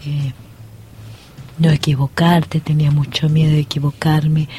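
A lower-pitched woman with a Rioplatense Argentine accent speaks as a radio guest, nervously chatty and given to quick laughs. She tells personal memories in an emotional, storytelling way and acts out the voices of the people she remembers. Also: slight background noise. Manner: talkative, quotes others in lively voices, nervous laughs. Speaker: radio guest, mother of a missing youth. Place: radio studio.

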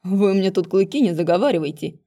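A woman reading an audiobook, voicing a hoarse, angry male werewolf lord who snaps at everyone, a little lower and louder than her own voice. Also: moderate pace, lightly acted. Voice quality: hoarse, snapping.

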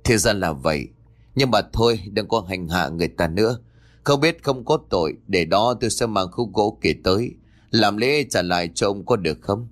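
A man's voice: fairly low pitch, lively intonation, normal speed, close to an everyday voice. A man as a stern old exorcist. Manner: stern, commanding. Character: stern older male exorcist master, commanding and calm.

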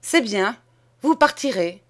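A woman's voice: fairly high pitch, expressive, slow pace. A woman reading an audiobook, voicing an indignant nun who scolds a maid with pious reproaches. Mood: dignified.

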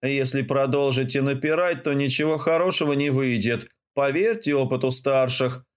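A self-important older admiral lecturing a junior officer, as a male audiobook reader puts him on. He sounds preachy and sure of his own experience, with a slightly raised, mid-pitched voice. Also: moderate pace, clear, resonant tone, close to an everyday voice.

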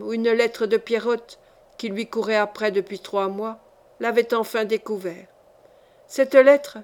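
A woman reading a classic novel aloud as an audiobook narrator, in a measured, clear storytelling manner. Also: fairly high pitch. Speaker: audiobook reader.

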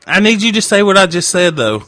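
A man speaking through a voice changer that shifts his voice down deep, playing a brash, pushy prank caller who talks in crude bro slang. The sound is bright and edgy, and it is close and dry, with no room around it. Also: big pitch swings, brisk, no room sound. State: drunk. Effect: voice changer pitching his voice deeper. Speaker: prank caller, radio show host. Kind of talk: prank phone call.

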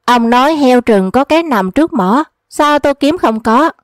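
A woman's voice: high voice, lively intonation, moderate pace, no echo, clean studio sound. A woman voicing a naive rich man's son who keeps asking curious questions.

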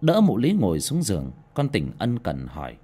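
A man narrating a scripted horror story in a dramatic, expressive manner. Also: lowish voice, normal speed, husky.

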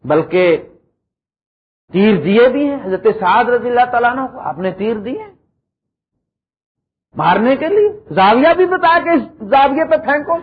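A middle-aged male preacher giving a dramatic lecture, swinging between emphatic high lines and quiet low ones, reciting verse slowly. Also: sing-song, husky. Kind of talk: Urdu religious lecture. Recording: tinny phone-like lecture recording.

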